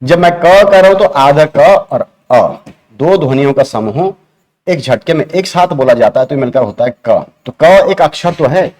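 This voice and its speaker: A man's voice: mid-range voice, expressive, normal speed, darkish tone. Man explaining grammar step by step, repeating himself. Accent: Uttarakhand. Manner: explains step by step, repeating key terms and asking questions to the class. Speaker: teacher. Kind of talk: exam-prep grammar lesson.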